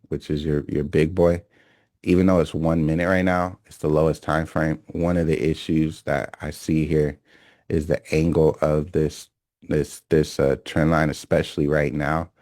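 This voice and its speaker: Low-voiced guy explaining trading charts, keeps saying okay? right?, repeats stuff for emphasis, dry sound. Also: darkish tone, no room sound. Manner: emphatic, repeats key phrases, many "okay?" and "right?" check-ins. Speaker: trading instructor. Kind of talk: recorded lesson on chart analysis.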